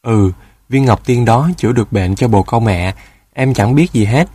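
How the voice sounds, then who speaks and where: A man voicing a gentle older sister in a storybook tale, calm and hushing. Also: mid-range voice, moderate pace, breathy edge, no echo, natural voice.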